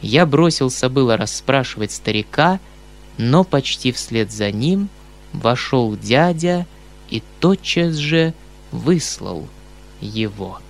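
A man narrating a classic novel in a measured, expressive storytelling voice. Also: mid-range voice, gravelly. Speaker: audiobook reader.

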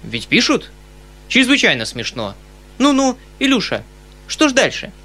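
A man voicing an excitable, kindly middle-aged colonel who exclaims loudly and fusses eagerly, in an audiobook reading. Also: very high voice, unhurried, voice pushed up, heavily acted. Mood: excited. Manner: loud exclamations, eager and fussy.

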